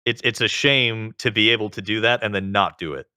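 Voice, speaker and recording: A man with a very low voice that still has a bright, forceful edge. He is a guest in a casual interview. He talks at length, leaning on filler words as he explains. The sound is close and dry. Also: brisk, clear, resonant tone, dry recording. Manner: talkative, explains at length with lots of "like".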